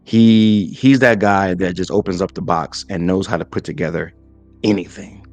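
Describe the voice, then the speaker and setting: Soft music plays behind this deep-voiced podcast host and minister in his forties, who speaks at a moderate pace with fairly even intonation. His motivational faith talk keeps returning to "right?" as he builds lists of three.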